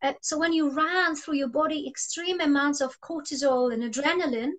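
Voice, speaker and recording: High-voiced woman coach explaining earnestly. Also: normal speed, rough recording. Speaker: transformational coach, interview guest. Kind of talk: conversational interview.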